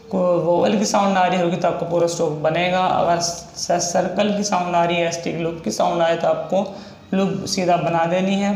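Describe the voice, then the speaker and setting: A man with a Hindi accent, a shorthand teacher, explaining a lesson and slowly spelling out example words one by one. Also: high-pitched, darkish tone. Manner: slow, repetitive, drawn-out spelling of example words. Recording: echoey room with faint noise.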